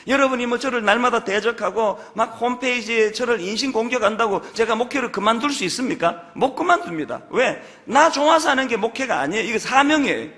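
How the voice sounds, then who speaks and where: Middle-aged Gyeongsang pastor, high and forceful, earnest sermon in a reverberant church. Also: male voice, expressive, brisk, few pauses. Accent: Gyeongsang Korean. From Gyeongsang region, South Korea. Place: large church sanctuary. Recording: long church hall reverb.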